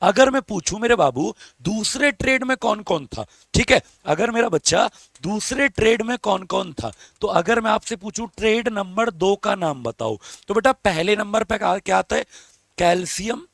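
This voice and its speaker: A man's voice: high voice, animated, normal speed, vocal fry, a bit bright, dry recording, clean studio sound. A male teacher, giving a live exam-prep lesson, coaxing students for answers and talking through a strained throat. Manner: coaxing, calls students beta and babu, asks for comments.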